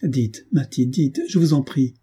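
A man reading an audiobook, voicing a brooding young man who pleads in a low, desperate voice. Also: unhurried, warm tone, breathy edge. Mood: pleading. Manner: low, pleading, then angry.

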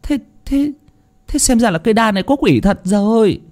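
A man voicing a chatty, superstitious fifty-year-old villager who gossips in a hurried, insistent way. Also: sits high, lively intonation, darkish tone, pitched above the performer's own voice. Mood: gossiping.

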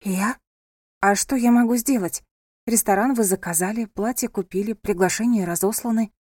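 A woman voicing a calm, sensible pregnant young woman who speaks evenly with dry irony. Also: mid-range voice, moderate pace, no echo, lightly acted. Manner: calm, wry.

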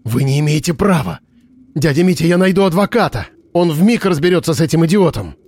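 A man reading an audiobook, voicing a desperate, furious young woman who shouts in a high, strained voice. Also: animated, fairly quick, dry recording. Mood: furious, pleading.

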